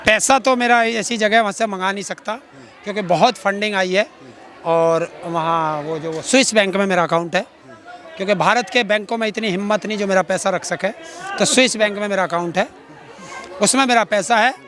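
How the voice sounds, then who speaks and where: Speaking a little fast in a high, fairly bright voice, a middle-aged Uttar Pradesh farmer activist is interviewed outdoors in public. His replies are outspoken, sarcastic and combative, packed with rhetorical challenges, while a faint crowd carries behind him.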